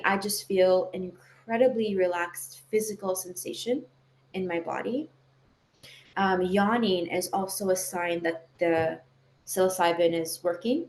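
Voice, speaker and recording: Calm woman explaining on an echoey video call. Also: mid-range voice. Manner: calm, explanatory, often asks "right?". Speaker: guest. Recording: echoey room with faint noise.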